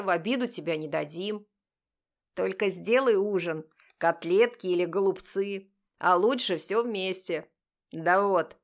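A cheeky teenage brother, the eternal joker, as a woman reader puts him on in an audiobook. He talks a little lower and louder, playful and teasing. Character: cheeky joking teenage brother, always hungry.

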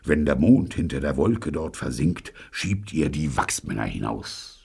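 A man voicing a bold young gang chief who gives brisk orders. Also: very deep voice, very animated, creaky, darkish tone, slightly rough, full character voice. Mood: commanding. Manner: brisk, commanding. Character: bold boy gang chief, self-assured schemer.

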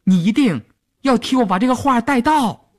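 Man doing a shrill brash old woman. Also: expressive, moderate pace. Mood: chattering. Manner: shrill, chattering, scolding. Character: brash loud retired older woman. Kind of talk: radio serial reading.

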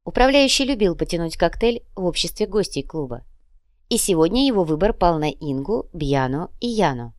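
A woman narrating a fantasy audiobook in an even, gently ironic storytelling manner. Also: lowish voice, moderate pace, no room sound, studio quality. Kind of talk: scripted narration.

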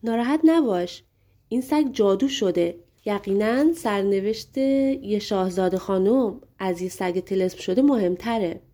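A woman's voice: mid-range voice, mellow, lightly acted. A woman voicing a blunt, hungry male giant in an audiobook fairy tale. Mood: coaxing.

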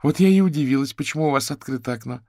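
A man voicing a tearful young woman who turns menacing, in a high put-on voice. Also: rapid-fire, creaky, mellow, dry recording, studio quality, close to an everyday voice. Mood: probing.

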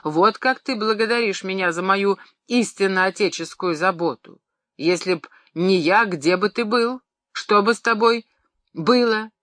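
A pompous, excitable middle-aged pharmacist rants and scolds at full volume, as an audiobook reader puts him on. The voice is pushed higher than the reader's own, bright and tense. It is recorded close and dry, with no room sound. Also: normal speed, no echo. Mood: furious ranting. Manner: ranting, shouting in outrage. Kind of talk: audiobook character reading.

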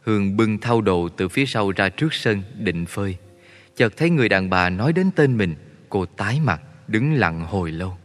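A man narrating a story in a steady, measured way. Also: lowish voice, faint music behind. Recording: long reverb.

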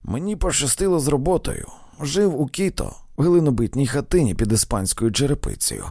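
A man's voice: medium pitch, very animated, brisk, vocal fry, mellow, no echo, clean studio sound. A man reading an audiobook, voicing a male railroad engineer who tells of his adventures and keeps bragging about his luck. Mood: boastful. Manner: storytelling, boastful of his luck.

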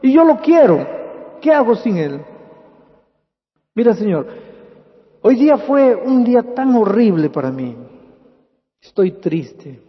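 A man's voice: high voice, very animated, takes it slowly, pauses often, voice pushed up, exaggerated voice. A man voicing a sad twelve-year-old girl pouring out a rambling, tearful prayer in bed. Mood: sad, upset. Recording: dull lo-fi hall reverb.

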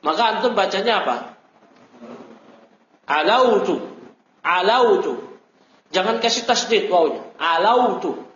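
A man's voice: high-pitched, expressive, measured pace, pauses often, fairly bright tone. A man teaching a classroom lecture on Arabic grammar, explaining step by step, repeating terms and quizzing his students. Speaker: Islamic teacher. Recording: roomy, dull lo-fi recording.

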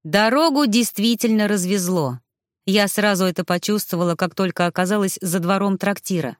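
A woman narrating a first-person fantasy novel in an even, measured storytelling voice. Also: medium pitch, dry recording, clean studio sound. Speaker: audiobook narrator.

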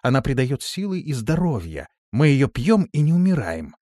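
A man's voice: mid-range voice, big pitch swings, moderate pace, mellow, no echo, clean studio sound, pitched above the performer's own voice, natural voice. A man reading an audiobook, voicing a guarded, hesitant male elf who speaks in a conciliatory way. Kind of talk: audiobook character voice.

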